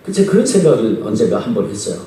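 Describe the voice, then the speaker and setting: A man's voice: on the low side, sing-song, very fast, warm tone, a little hiss or hum. A male pastor preaching a revival sermon in a church, talking conversationally and asking the congregation questions. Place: church sanctuary. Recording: echoey church hall, distant mic.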